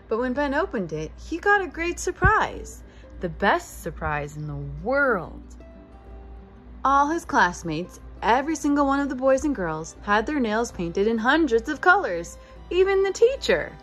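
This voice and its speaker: Her voice leans high and a bit bright as this woman in her thirties reads a picture book to young children like a preschool teacher. She's expressive, and the setting is an indoor living room with a couch.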